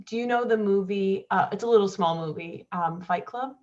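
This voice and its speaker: A woman's voice: medium pitch, moderate pace, a little mellow, natural voice. A woman improvising a brash, matter-of-fact caller in an online comedy show, lo-fi call audio. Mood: breezy. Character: brash woman caller, soap-making hustler.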